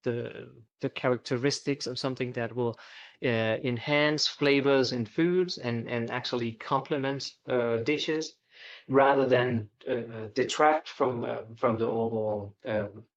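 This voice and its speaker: A man, a winemaker guest in a casual wine-tasting chat, talking in a measured, thoughtful way as he searches for words. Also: mid-range voice, fairly even intonation. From Denmark. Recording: dull lo-fi recording.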